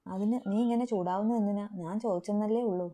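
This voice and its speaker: A woman's voice: mid-range voice, fairly even intonation, fast talker, mellow, close to an everyday voice. A woman voicing a sulky, lovestruck young woman who pouts and pleads in a romantic audio story. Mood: pouting. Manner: pouting, pleading.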